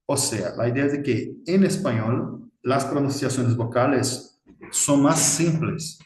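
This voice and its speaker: A man's voice: mid-range voice, darkish tone. Brazilian man explaining, echoey room. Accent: Brazilian Portuguese. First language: Portuguese. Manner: deliberate, frequent tag "¿no?", slow spelled-out examples. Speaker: language teacher. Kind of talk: instructional explanation.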